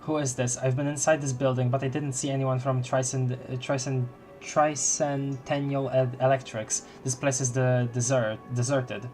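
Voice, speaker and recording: A man with a mid-pitched voice gives casual live game commentary. He is reactive and halting as he reads text and thinks aloud, with faint music behind him. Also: flat delivery, darkish tone. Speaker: game streamer.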